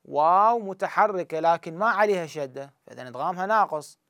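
A man with an Iraqi Arabic accent teaches tajweed in a calm, step-by-step way, stretching each recited example out slowly so the sounds can be heard. His voice is smooth and a little high for a man, and the recording is dry and close. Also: no echo. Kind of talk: tajweed lesson.

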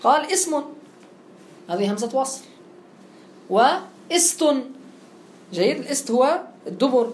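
A woman teaching a grammar lesson. She keeps checking understanding with quick questions and affirmations. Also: high-pitched, animated, a little mellow, roomy sound, a little hiss or hum.

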